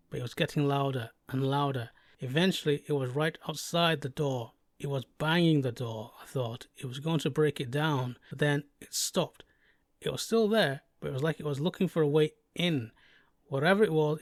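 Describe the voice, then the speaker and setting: A man's voice: on the high side, no room sound, studio quality. A man reading a scripted first-person horror story as its narrator, now and then stumbling over a word.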